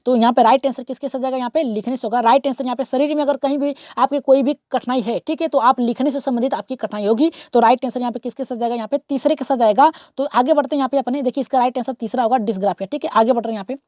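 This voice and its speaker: A woman's voice: sits high, racing, hardly any pauses, dark tone, no echo. A woman teaching an online exam-prep lesson, working through multiple-choice questions. She keeps asking rhetorical questions, repeats "okay" often and urges viewers to comment and subscribe.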